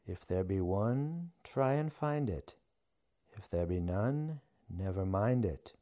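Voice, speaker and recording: A man voicing a witch who speaks deadpan and teasing, with a wry edge. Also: lowish voice, slow, voice pushed up. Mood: resigned. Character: wry, deadpan witch facing death, woman.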